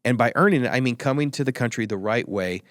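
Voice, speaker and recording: A man's voice: medium pitch, fast, no room sound, clean studio sound. Emphatic, argumentative male interview guest. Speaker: guest, tech company executive. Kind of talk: opinionated interview talk.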